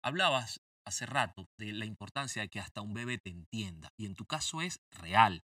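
Animated host guy, sharp bright voice, dry sound a bit off mic. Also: fairly low pitch, moderate pace, no echo, far from the mic. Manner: lively, ironic delivery. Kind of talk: TV pop culture interview and segment host.

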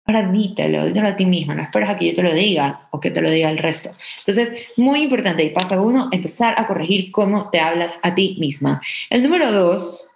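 A young woman hosts a motivational podcast, coaching her listeners in an earnest, encouraging way. Her voice sits a little low for a woman. The room around her rings with noticeable echo. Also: expressive, brisk, creaky, few pauses. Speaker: podcast host. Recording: echoey room.

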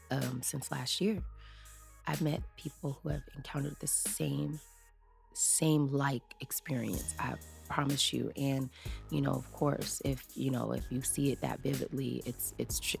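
Very low, gravelly-voiced woman. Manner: heartfelt, rambling, many fillers. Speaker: podcast host. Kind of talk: personal motivational talk.

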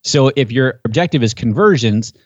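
An enthusiastic man explains his subject as a podcast guest, talking in a loose conversational way and getting more animated as he warms up. His voice sits at an average pitch, and the sound is dry and a little dull. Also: normal speed, no echo. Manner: enthusiastic, gets pumped up and animated.

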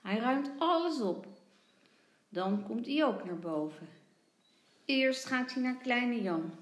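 Expressive teacher reading a picture book. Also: female voice, on the high side, slow. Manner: expressive storytelling. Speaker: kindergarten teacher. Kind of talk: reading a picture book aloud to young children. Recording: roomy, echoey sound.

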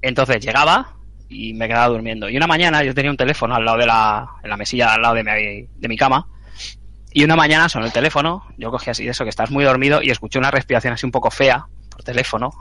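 Bright-voiced man telling an anecdote. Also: mid-range voice, fast, dry recording. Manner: animated anecdote teller, acting out dialogue. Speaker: podcast co-host. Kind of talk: casual storytelling chat.

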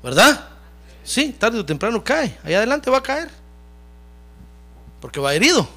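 A man's voice: very high voice, big pitch swings, normal speed, sharp tone. A man preaching a sermon as pastor, talking straight to the congregation, calling them brother and having them repeat phrases after him.

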